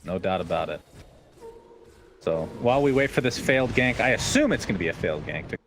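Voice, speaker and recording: A man doing play-by-play esports commentary, his pitch jumping sharply upward whenever a fight breaks out. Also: expressive, fairly quick, noisy background.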